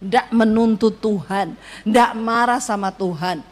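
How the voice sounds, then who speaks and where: A woman preaching a sermon, telling stories with lively quoted voices and calling to her congregation for an amen. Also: medium pitch, slow pace.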